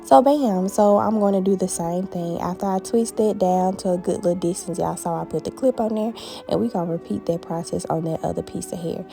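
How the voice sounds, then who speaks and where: A woman's voice: lowish voice, brisk, gravelly, soft background music. A woman vlogging a hair tutorial at a family home, chatty and playful, talking straight to her viewers. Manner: animated, playful, talks straight to viewers with "honey" and "baby".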